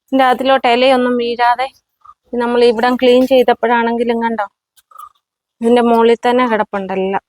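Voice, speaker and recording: A woman with a slightly raised voice talks casually to her viewers while doing yard work. She chats to them as friends as she pulls plants and clears the ground. The sound is from an outdoor home yard, picked up on a handheld camera. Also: fairly high pitch, flat delivery, brisk, a little mellow, dry recording, low-quality recording. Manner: chatty, addresses viewers as friends. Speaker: vlogger. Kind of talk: casual chat while gardening.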